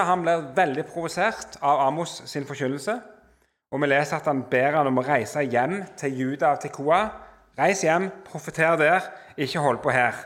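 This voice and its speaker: A man lecturing on the Old Testament in a measured way, slowing down for emphasis and often pausing with hesitations. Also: fairly high pitch, a bit bright. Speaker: Bible teacher.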